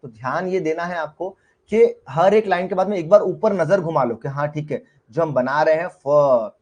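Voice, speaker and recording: A man's voice: fairly high pitch, moderate pace, a little mellow, lo-fi sound. A young Indian man teaching shorthand in a chatty live class, often checking in with his students and mixing in English words.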